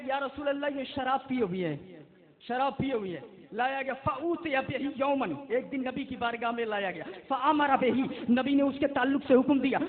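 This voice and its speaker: A man delivers a fiery sermon in a mosque, speaking with a tinge. His voice sits very high and climbs into shouts as he recites Arabic quotations. The recording is thin and phone-like. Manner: impassioned, rising to shouts, quotes Arabic. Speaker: Islamic preacher. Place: mosque gathering.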